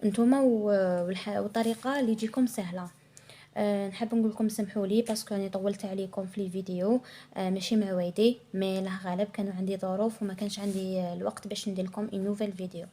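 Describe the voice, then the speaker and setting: Woman, French teacher, warm mellow tone, patient deliberate explaining. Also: mid-range voice, steady tone. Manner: slow, careful reading with switches between Arabic and French. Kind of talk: explaining a pronunciation lesson.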